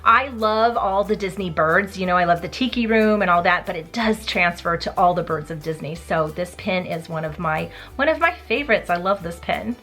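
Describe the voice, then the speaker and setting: Woman, enthusiastic collector vlog host, bright forward voice, light music underneath. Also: on the low side, lively intonation, moderate pace, few pauses. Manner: gushing, enthusiastic, chatty. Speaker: pin collector vlogger. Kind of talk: casual show-and-tell vlog.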